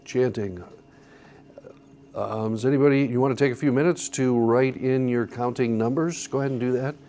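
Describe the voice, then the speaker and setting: A man's voice: medium pitch, steady tone, normal speed, warm tone, a little hiss or hum. A man teaching a church song-leading class, explaining conducting patterns patiently and counting beats aloud. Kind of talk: classroom instruction.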